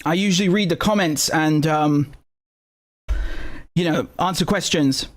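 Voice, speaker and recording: A man hosting a live stream, talking through current events in a casual, animated and sardonic way, often repeating words and swearing. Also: fairly high pitch, unhurried.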